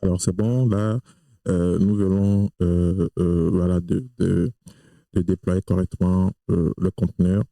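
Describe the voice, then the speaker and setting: A man with a very low, dark voice talks through a screen-recorded tech tutorial, full of fillers and restarts. He is not a native French speaker. His gravelly tone is recorded close on a desk mic in a dry room. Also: level tone, measured pace, no room sound, poor audio. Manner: hesitant, many fillers and restarts.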